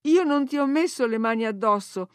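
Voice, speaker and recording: A woman voicing a headstrong, quick-tempered teenage girl in an audiobook reading, earnest and indignant. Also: fairly high pitch, expressive, a little mellow, no room sound, clean studio sound, close to an everyday voice. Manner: earnest, then hotly indignant.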